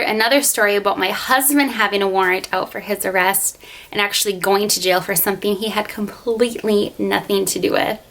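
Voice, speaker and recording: A young woman recounts a personal story for her vlog audience. She talks in a loose, chatty way with lots of fillers. Her voice sits at a middle pitch and carries a gravelly fry. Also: fairly bright tone. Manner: chatty, many fillers, retells scenes. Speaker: vlogger.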